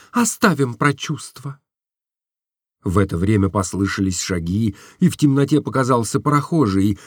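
A man reading a classic novel aloud as an expressive, emotional first-person narrator. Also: lowish voice, no echo, studio quality. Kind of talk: audiobook reading.

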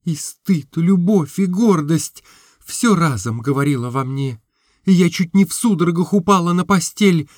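Brief: male reader doing a young woman near tears, high-pitched and passionate, dry close voice. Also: expressive, moderate pace, no echo. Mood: pleading. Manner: rising to sobbing outbursts. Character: young woman, tearful, impassioned. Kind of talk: audiobook reading.

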